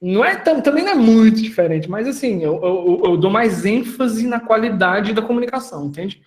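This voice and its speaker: Guy mentoring folks in a casual chat, kinda high voice, lots of slang, keeps asking the audience stuff. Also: fairly quick, roomy sound. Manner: animated, slangy, asks the audience questions.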